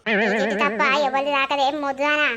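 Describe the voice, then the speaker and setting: A woman voicing a gruff, scolding old village mother-in-law in an animated cartoon, with a Telangana Telugu accent. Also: high-pitched, fast talker, music in the background, pitched below the performer's own voice, close to an everyday voice.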